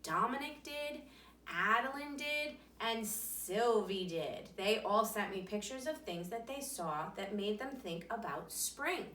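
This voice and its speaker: A woman's voice: mid-range voice, expressive, a little slow, slight background noise. Woman teacher doing storytime for kids, sing-songy, kinda far from the mic and echoey. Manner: warm, coaxing questions to children. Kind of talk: storytime lesson for young children. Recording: roomy echo, voice from the mic's distance.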